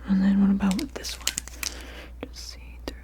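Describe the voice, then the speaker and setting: A woman in a whispered role-play, mumbling to herself in a breathy whisper with soft murmurs, hums and half-finished phrases that trail off. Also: medium pitch, level tone, normal speed. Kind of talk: whispered ASMR role-play of studying the listener and taking notes.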